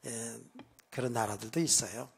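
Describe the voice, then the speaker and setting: Gravelly-voiced pastor with sudden outbursts. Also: male voice, medium pitch, normal speed. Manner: calm talk that suddenly rises to shouting. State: sore throat. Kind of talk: sermon.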